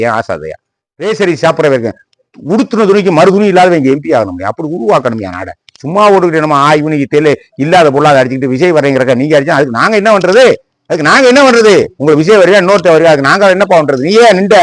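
Fast, scolding political commentator man. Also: a little high, no echo. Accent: Tamil Nadu Tamil. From Tamil Nadu. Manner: scolding and sarcastic, full of rhetorical questions. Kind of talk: heated political commentary monologue.

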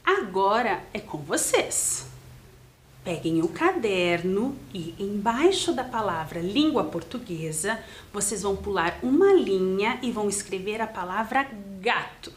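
Slow, lively-voiced woman teaching children. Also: mid-range voice. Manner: patient, counts and spells aloud step by step. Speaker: primary school teacher. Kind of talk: slow, clearly spelled-out lesson for children. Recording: roomy echoing room.

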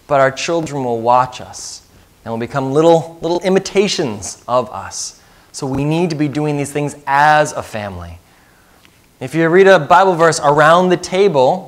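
In a church sanctuary, a pastor in his thirties delivers a sermon with a mid-range voice. He is earnest and keeps putting questions to the congregation.

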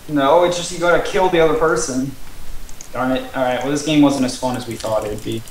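A man's voice: mid-range voice, steady tone. Man chatting in an echoey room. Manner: directs others, reads rules aloud haltingly. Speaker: gamer. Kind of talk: casual voice-chat banter. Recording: roomy echo, faint noise.

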